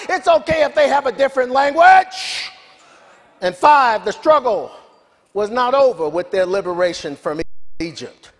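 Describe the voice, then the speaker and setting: A man preaches with fervor, his voice sitting unusually high and carrying a husky edge. His lines swell into shouted appeals. The sound rings with the long reverb of a big church hall, and a congregation is faintly heard behind him. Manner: impassioned preaching, rising to shouted calls. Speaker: pastor. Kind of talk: sermon. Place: large church sanctuary with congregation.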